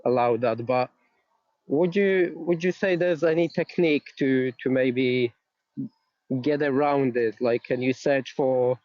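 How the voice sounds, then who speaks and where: Calling in from outdoors during a walk, a man asks friendly, hesitant questions over the phone on a live online Q&A. His mid-range voice is unhurried and a little mellow, and the dull audio carries no room sound.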